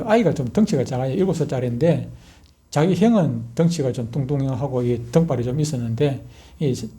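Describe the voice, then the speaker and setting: A middle-aged man, a pastor preaching a sermon and telling stories animatedly. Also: medium pitch. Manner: animated storytelling, acting out scenes with loud outbursts. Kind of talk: sermon with personal storytelling.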